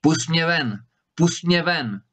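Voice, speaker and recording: A man's voice: a little high, animated, fairly bright tone, voice pushed up. A man voicing a huge menacing male spirit trapped in a bottle, who thunders threats and wails pleas in a storybook reading. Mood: pleading. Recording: slightly dull recording.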